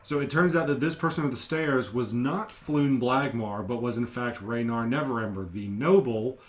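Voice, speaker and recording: A man's voice: medium pitch, normal speed. Echoey-sounding man recapping a tabletop game. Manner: explanatory, retelling events step by step. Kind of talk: casual recap conversation. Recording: echoey room.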